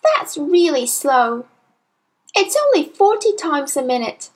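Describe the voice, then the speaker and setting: A small, earnest girl from a children's storybook. The voice is very high and swoops with urgent emphasis. The delivery is breathless, bright-minded and pleading. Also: sing-song, slow pace, exaggerated voice. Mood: eager, curious. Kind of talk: children's audiobook character voice.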